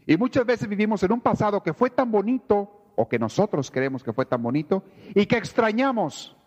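A man preaching a sermon in a church, animated and often acting out people's complaints. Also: high-pitched, moderate pace. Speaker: priest. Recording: reverberant lo-fi church recording.

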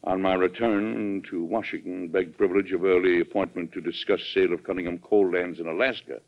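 A man's voice: deep voice, steady tone, a little fast. A man playing a hearty, authoritative American president in an old radio drama, jovial and commanding. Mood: puzzled. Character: genial, hearty, authoritative male American president, fond of food. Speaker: actor. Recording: dull old radio recording.

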